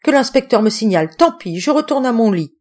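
A woman voicing a hungover, grumbling middle-aged male roadman who whines and complains loudly in an audiobook. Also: on the high side, lively intonation, fairly quick, pitched above the performer's own voice. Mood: grumbling, complaining. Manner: whining, complaining, loud.

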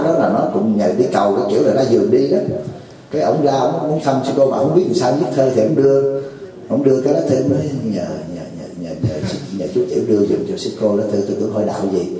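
Heard from a distance in an echoey hall, a Buddhist teacher with a dark, medium-pitched voice delivers a dharma talk. He keeps it folksy and humorous, often turning questions to his audience.

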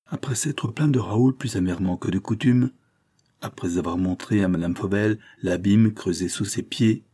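A man reading a classic novel aloud as an audiobook narrator, measured and expressive. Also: fairly low pitch, breathy edge. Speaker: audiobook reader.

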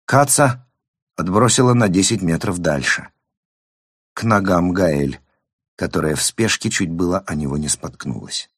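A man narrating a crime thriller audiobook in a steady, measured reading. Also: low-pitched, dry recording, clean studio sound.

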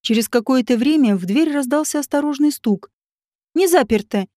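A woman narrating an audiobook in an even, measured storytelling manner on a close mic. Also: sits high, dry recording. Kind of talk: scripted narration.

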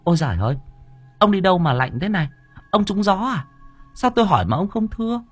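A man's voice: medium pitch, very animated, moderate pace, slightly rough, faint music behind, pitched above the performer's own voice. A man voicing a frightened elderly village wife in an audiobook horror tale, talking in a panicky, pleading way. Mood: alarmed.

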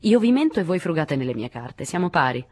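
A woman's voice: on the low side, sing-song, fairly quick, darkish tone, slightly rough, pitched above the performer's own voice, exaggerated voice. A woman reading a bitter, irritable man. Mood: irritated. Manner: curt and irritated, then suddenly tender. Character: resentful American man, the narrator's lover. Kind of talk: audiobook reading of a novel.

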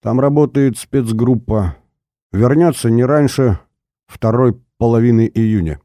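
A man's voice: medium pitch, a little slow, mellow, no room sound, studio quality, natural voice. A man voicing a prim, flustered retired secret-service officer in his old age who ends up pleading. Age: older. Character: old retired male spy officer, prim then frightened.

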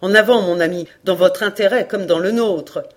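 A woman voicing an earnest young officer who speaks with loud urgency. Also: mid-range voice, normal speed, close to an everyday voice. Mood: urgent.

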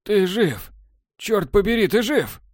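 Desperate, betrayed male stalker, voice pushed high and tight, as a male narrator acts him out. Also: animated, moderate pace, clear, resonant tone, dry recording, clean studio sound. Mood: anguished. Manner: raised, strained, high-pitched outcries. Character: shocked, desperate male stalker, young adult.

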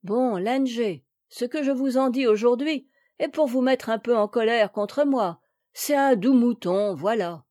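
A woman's voice: a little high, unhurried, warm tone, no room sound, studio quality, natural voice. A woman reader voicing a fussy, complaining housemaid in a storybook. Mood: grudging. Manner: scolding, complaining. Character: fussy scolding grown woman maid.

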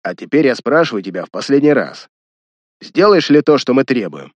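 A man's voice: mid-range voice, very animated, a little fast, dry recording, muffled recording. Guy reading a nasty scheming villain, mocking, threatening, dry recording. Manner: sneering, menacing. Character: cruel mocking young man, a scheming villain.

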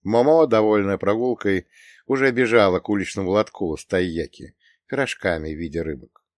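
A man's voice: fairly low pitch, a little fast, no room sound, clean studio sound. A man narrating an audiobook in first person, with a wry, ironic storytelling manner.

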